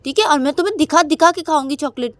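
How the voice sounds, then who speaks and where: A woman's voice: fairly high pitch, moderate pace, dark tone, no echo, pitched above the performer's own voice, lightly acted. A woman voicing a sulky, childish young woman who whines and repeats her complaints. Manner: whiny, repetitive pouting complaints.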